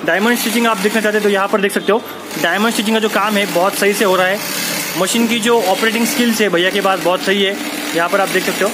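A young man guiding viewers through a workshop in casual tour narration, upbeat and talking straight to the audience. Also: high voice. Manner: upbeat, addresses viewers directly. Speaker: vlogger touring a workshop. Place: busy car seat cover workshop, indoors. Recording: loud background noise in a workshop.

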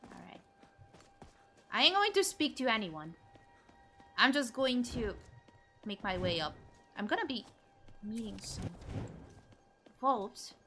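A woman live streamer giving casual, expressive gameplay commentary and chatting with viewers, exclaiming and swearing freely. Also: on the high side, slow, pauses often, faint music behind.

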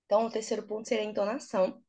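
A woman's voice: mid-range voice, level tone, very fast, warm tone. A woman with a Brazilian Portuguese accent, an English teacher patiently explaining her points step by step in a casual interview. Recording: dull, lo-fi sound.

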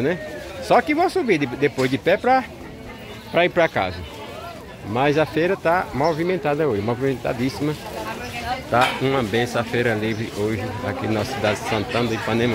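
Walking through a busy street market with a handheld camera mic, a Northeastern Brazilian man in a mid-range voice gives a relaxed, chatty vlog narration. He stops to greet vendors warmly, while the crowded market chatters in the background.

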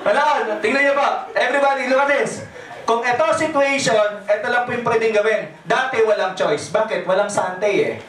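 Filipino man, very high voice, joking presenter working the crowd, echoey hall, a bit distant from the mic. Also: normal speed. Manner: lively, joking, call-and-response with audience. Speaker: business presenter. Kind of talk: motivational sales presentation. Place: large hall with live audience.

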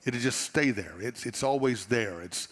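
Texan pastor preaching in a reverberant church hall. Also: male voice, mid-range voice, expressive, moderate pace, a bit bright. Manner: conversational storytelling, earnest, with repeated restarts. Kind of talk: sermon. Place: large church stage before a seated audience. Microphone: headset.

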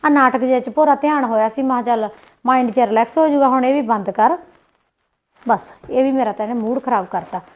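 A woman's voice: fairly high pitch, muffled recording. A woman with a Punjabi accent acting a young village wife in a short film, complaining and snapping back. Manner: sulky, complaining, quick retorts.

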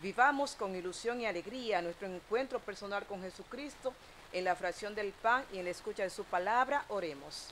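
A young woman reading intercessions at a lectern in a small chapel, measured and even, into a stand mic. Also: mid-range voice, a little hiss or hum. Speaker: lay reader.

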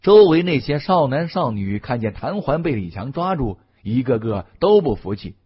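A man narrating a novel as an audiobook in an expressive, scripted delivery. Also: medium pitch, normal speed, slightly rough. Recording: dull lo-fi audio.

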